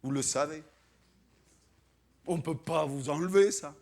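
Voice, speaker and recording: A man preaching a sermon in as pastor, animated and dramatic, acting out quoted voices and swinging between loud bursts and hushed asides. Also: a little high, unhurried.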